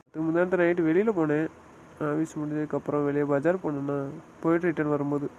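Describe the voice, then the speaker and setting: A man's voice: on the high side, level tone, quick pace, darkish tone, lo-fi sound, slight background noise, natural voice. A man playing a young husband who hesitantly downplays a head injury and soothes his wife in an audio drama. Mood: explaining.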